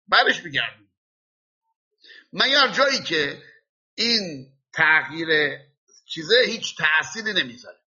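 Male religious teacher, bright and husky, patient step-by-step explainer, dull lo-fi recording. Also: fairly high pitch. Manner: explains slowly, spelling out letters and sounds by example. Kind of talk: classroom lesson.

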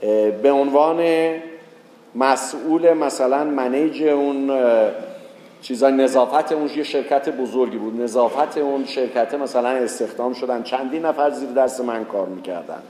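A man giving a religious talk, telling a story and acting out the people in it with rising pitch. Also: warm tone, a little hiss or hum. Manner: storytelling, acts out quoted voices with rising pitch. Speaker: religious teacher. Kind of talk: sermon with a told story. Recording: echoey hall with long reverb.

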